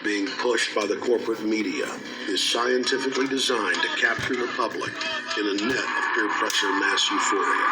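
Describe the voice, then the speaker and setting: A man delivers grave, insistent documentary narration in a voice that sits slightly low. The sound comes from a film played through a speaker and captured again by another recording. Clear music runs beneath his words. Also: poor audio.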